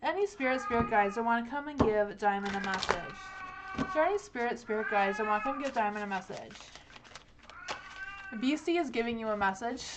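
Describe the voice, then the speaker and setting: A woman's voice: a little high, expressive, fairly quick, heavy background noise. A young woman live-streaming tarot readings, talking in a rambling, hesitant way with many likes and ums. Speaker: tarot reader.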